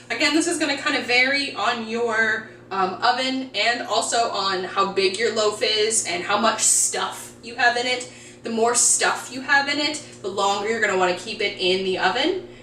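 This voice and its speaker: Woman, cooking video host, chatty and enthusiastic, bright voice, echoey home kitchen, mic at a distance. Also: a little high, a little hiss or hum. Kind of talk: casual cooking demonstration.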